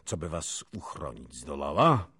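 A man's voice: rumbling low, sing-song, unhurried, sharp tone, breathy edge, no room sound, clean studio sound, full character voice. A man voicing a fearless young envoy who speaks firmly and commandingly. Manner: firm, commanding. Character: steely young male envoy, fearless and proud. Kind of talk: audiobook character voice.

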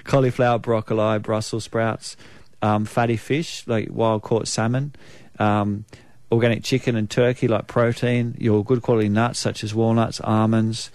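A man with a New Zealand accent speaking as a naturopath guest, explaining in a measured way with frequent ums. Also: on the low side, flat delivery, a little mellow, no echo. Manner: measured, explanatory, many um fillers. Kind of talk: conversational expert interview.

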